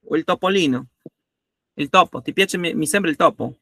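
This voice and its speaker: A man's voice: on the high side, normal speed, bright, forceful tone, no echo, clean studio sound. A man teaching a grammar lesson, patiently repeating each example and checking that students follow. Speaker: language teacher.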